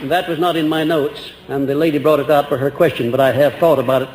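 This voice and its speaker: Over a noisy crowd, an older man speaks fast in a fairly high, steady voice, giving an earnest, rambling lecture and answering audience questions with restarts and rhetorical questions. It comes from an old archival recording made in an echoey hall, with faint hiss.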